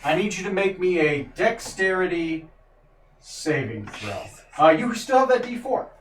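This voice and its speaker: A man's voice: high-pitched, a little slow. A man running a tabletop game as dungeon master, casual and joking, with some swearing. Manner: casual, lively, swears and jokes. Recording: roomy, distant mic with faint noise.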